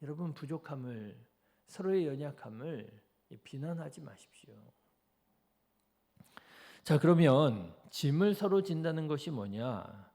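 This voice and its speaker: A man's voice: a little high, expressive, unhurried, mellow. A man preaching a dawn service sermon as pastor, asking the congregation questions as he goes. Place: church sanctuary.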